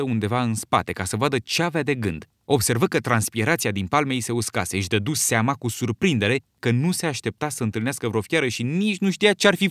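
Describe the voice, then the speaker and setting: A man reading an audiobook in a measured, steady storytelling voice. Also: medium pitch, no echo, clean studio sound. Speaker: audiobook narrator. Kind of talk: scripted narration.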